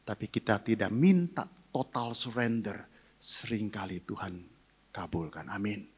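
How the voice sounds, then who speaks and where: A man's voice: on the low side, measured pace, husky. An older male pastor preaching a sermon, sharing an emotional personal testimony and leading a congregation in prayer.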